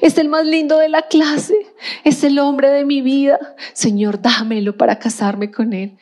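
A woman's voice: high voice, fairly even intonation, unhurried, a little mellow, pitched above the performer's own voice. A woman voicing a lovestruck twelve-year-old girl who pleads with God to let her marry a boy from her class. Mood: pleading. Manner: pleading, dreamy and insistent.

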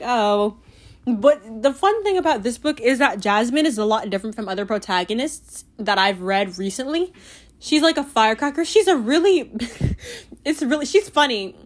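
Giggly young woman gushing about a book. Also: high voice. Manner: gushing, with many filler "like"s; giggly and animated. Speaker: book reviewer. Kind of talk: casual book review chat.

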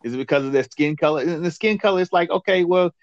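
A man's voice: a little high, fast, no room sound. A man in a heated casual discussion, talking in an angry, emphatic and profane way, repeating himself. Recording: dull muffled lo-fi sound.

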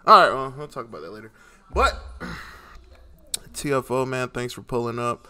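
A man's voice: mid-range voice, expressive, unhurried, sharp tone, smooth. A man hosting a casual podcast chat, rambling and teasing in loose slang. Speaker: podcast host.

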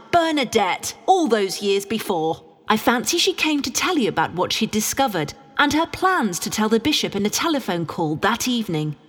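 A woman playing a sharp amateur detective in an audio drama, with a theatrical, declamatory delivery. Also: medium pitch. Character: Ginger, sharp accusing amateur woman detective, loving beneath. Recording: long hall reverb.

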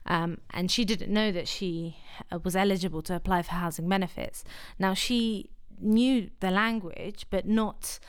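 A young woman from Afghanistan answers interview questions in a measured way. Her voice is smooth and medium-pitched, and she often pauses with fillers and restarts words.

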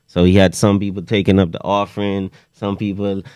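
A man talking casually as a rapper in an interview, slangy and animated in his storytelling, often checking that the listener follows. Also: low voice, brisk, clean tone, no echo.

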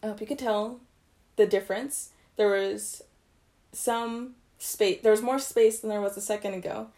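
Gravelly-voiced young woman explaining music. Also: medium pitch, fairly even intonation, moderate pace, mellow. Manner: chatty, self-correcting, loose explanations. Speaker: trumpet player teaching band basics. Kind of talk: casual instructional video.

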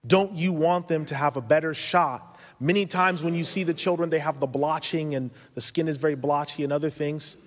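This conference speaker, a man in his thirties with a self-acknowledged foreign accent, talks briskly in a fairly high, evenly intoned voice. His earnest religious talk offers advice and poses rhetorical questions, echoing through the conference hall.

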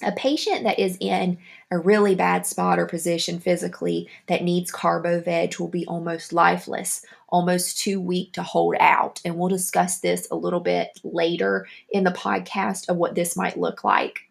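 Southern woman with a gravelly voice. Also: fairly low pitch, level tone, moderate pace, hardly any pauses. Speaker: podcast host. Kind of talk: scripted podcast monologue.

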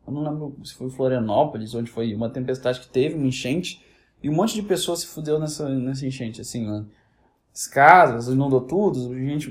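Man, fairly high voice, casual rambling rant, animated delivery. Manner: animated, rambling, frequent restarts.

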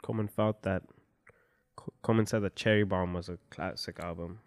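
A man's voice: deep voice, steady tone, a little fast, no room sound. A young man co-hosting a podcast in casual, slangy chat, full of fillers and laughs. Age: young adult. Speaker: podcast co-host.

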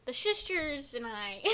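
A woman's voice: high voice, sharp tone. A teenage girl co-hosting a casual podcast chat, joking, giggling and trailing off mid-sentence. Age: teens. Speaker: podcast co-host.

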